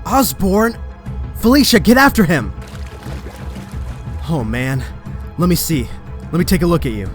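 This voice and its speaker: A man's voice: a little high, very animated, measured pace, long pauses, over music. A man playing a young male superhero in a comic dub, earnest, wry and anxious but determined. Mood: urgent, alarmed.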